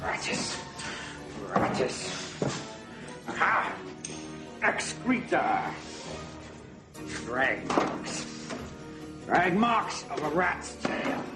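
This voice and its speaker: An actor playing a grumbling, sardonic working man in a film, muttering in a deadpan way. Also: a little high, very slow, long pauses, heavily acted. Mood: intent. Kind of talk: film acting. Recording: quiet distant film clip under loud music.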